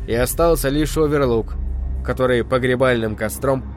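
A man reading a novel aloud as narrator, with measured, expressive storytelling. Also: mid-range voice, soft background music. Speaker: audiobook narrator. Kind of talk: scripted narration.

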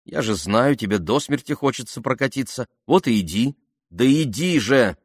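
A man voicing a sharp-tongued young woman who speaks curtly and sarcastically. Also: on the low side, normal speed, dry recording, studio quality, lightly acted. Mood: irritated. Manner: curt and sarcastic.

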